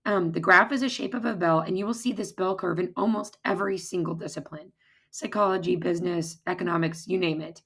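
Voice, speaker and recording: A woman with a hoarse, raspy voice that is giving out, explaining step by step as a math teacher in an informal recorded lecture. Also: lowish voice, fairly even intonation, fairly quick, a bit bright. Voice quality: husky, raspy, strained voice. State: hoarse, losing her voice, throat-clearing.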